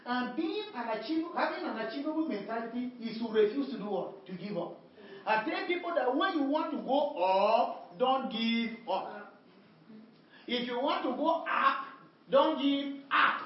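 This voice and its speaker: Animated and high-voiced, a woman preaches at a normal speed, repeating emphatic refrains and calling on the congregation to respond. The recording is dull, made with a distant mic in an echoey hall.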